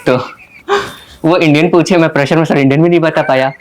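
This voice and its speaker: A man's voice: a little high, steady tone, brisk, a little hiss or hum. A young man telling an interviewer about his exam and interview experiences in a rambling, self-deprecating way, often laughing. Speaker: interview guest, successful exam candidate. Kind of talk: casual interview storytelling.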